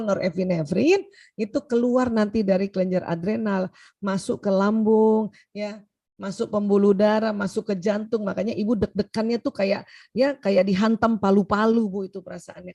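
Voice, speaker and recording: A woman's voice: medium pitch, normal speed, dark tone. A middle-aged woman giving an informal health talk to mothers, chatty, with frequent "ya" and direct address to her listeners. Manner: chatty, addresses the audience as "Bu", often adds "ya".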